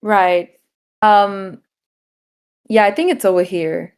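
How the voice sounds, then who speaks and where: A woman's voice: mid-range voice, slow pace, smooth. A woman giving blunt, teasing feedback on a game in a casual chat.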